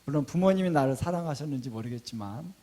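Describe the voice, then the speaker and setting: A middle-aged pastor preaching in a mellow, warm voice. He tells his story in a lively way and drops to a hushed tone when he quotes prayers. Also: medium pitch, fast. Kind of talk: sermon with personal testimony.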